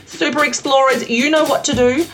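A woman's voice: high voice, fairly even intonation, moderate pace, fairly bright tone, faint music behind, low-quality recording. A woman presenting a children's show in a broad singsong, kids' theatre manner, gushing and encouraging. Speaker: children's podcast host.

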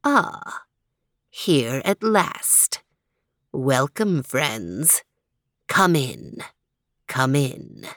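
Storybook villain: purring evil tomcat mastermind, deep and drawn out, read by a woman. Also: sing-song, fairly bright tone, no room sound, studio quality, exaggerated voice. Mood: gloating villainy. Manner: purring, gloating, slow and menacing. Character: sly evil male cat criminal mastermind.

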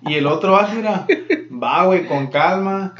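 A man's voice: high voice, normal speed. Slangy Mexican man telling crude jokes. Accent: Mexican Spanish. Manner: crude slangy storytelling, bursts of loud laughter. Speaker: podcast co-host telling jokes. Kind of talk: casual joke-telling chat. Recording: roomy, dull lo-fi sound.

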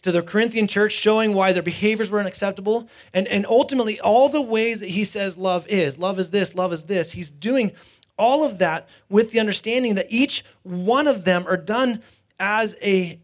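A man's voice: high-pitched, brisk. A man preaching a sermon at a pulpit microphone, talking to the congregation in a conversational way and asking rhetorical questions. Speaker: pastor.

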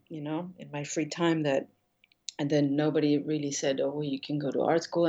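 Woman from Argentina, low voice, thoughtful and hesitant, middle-aged, dull lo-fi sound. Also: darkish tone. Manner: thoughtful, hesitant with many restarts. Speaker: guest painter. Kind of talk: casual interview conversation.

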